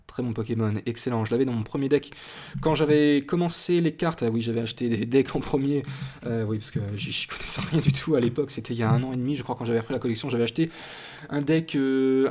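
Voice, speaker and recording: A man talks in a loose, conversational way, reading off card names one after another. He wanders into side remarks and teases himself for small mistakes. His voice sits at an ordinary middle pitch. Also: darkish tone. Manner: chatty and rambling, listing card names, self-deprecating asides. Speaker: YouTube card-opening host. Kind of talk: casual booster-opening commentary.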